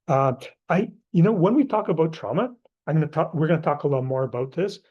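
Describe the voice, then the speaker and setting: A man's voice: mid-range voice, a little mellow. A middle-aged man from Portugal with a Portuguese accent gives a live class lecture in a casual, conversational way, with many fillers and asides.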